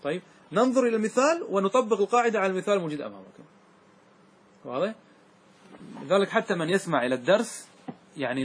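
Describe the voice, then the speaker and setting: A man's voice: on the high side, slightly rough. A man teaching a grammar class, quizzing his students and repeating their answers.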